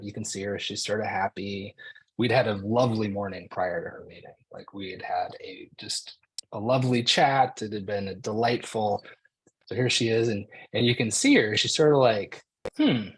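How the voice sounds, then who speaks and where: A man speaking as a guest on a video call, telling a personal story with animation and acting out the shouted quotes. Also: fairly low pitch, husky, low-quality recording.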